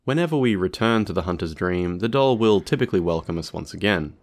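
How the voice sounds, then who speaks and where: A man with a deep voice narrates an explanatory video. His delivery is scripted, measured and formal. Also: expressive.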